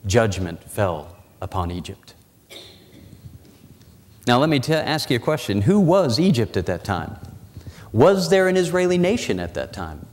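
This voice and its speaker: A man in his forties preaching a sermon in a church, walking the platform and slowing down, dropping his voice low for dramatic emphasis. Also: very animated, darkish tone. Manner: walks the platform, gesturing as he preaches. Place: church sanctuary. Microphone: lapel mic and pulpit mic. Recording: church hall reverb.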